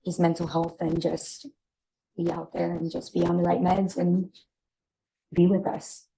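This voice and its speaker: Woman witness in court, dark relaxed tone, flat delivery, halting answers. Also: lowish voice, vocal fry, rough recording. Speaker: witness, relative of the defendant. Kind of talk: courtroom testimony.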